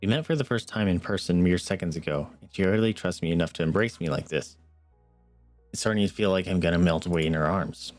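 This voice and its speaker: This young streamer reads a story game aloud in earnest, adding wry commentary as he goes. His voice sits low and moves fast, the recording has no room sound, and gentle background music plays.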